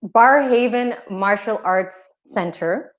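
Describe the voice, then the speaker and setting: A woman's voice: medium pitch, slow. A woman hosting a casual interview, enthusiastic, with many "you know" fillers. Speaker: interviewer host.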